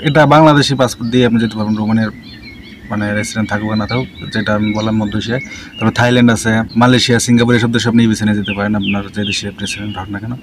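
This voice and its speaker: A travel and visa info vlogger rambles through casual visa information, reeling off long lists of country names. He's hesitant and keeps correcting himself, with many fillers. His voice is fairly low and steady, very fast, over background noise.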